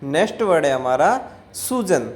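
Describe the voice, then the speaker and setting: A vocabulary teacher works through a lesson word by word in a medium-pitched voice, steady and repetitive. They slow down to repeat each word and its meaning.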